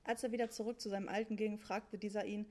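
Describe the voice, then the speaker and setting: A woman's voice: mid-range voice, level tone, fast, a little mellow. A woman narrating a fairy tale in casual youth slang.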